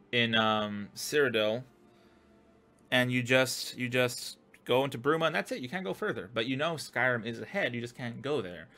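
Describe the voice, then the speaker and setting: A man's voice: medium pitch, sharp tone. A man hosting his own gaming channel, giving a casual, rambling opinion monologue full of fillers, restarts and swearing.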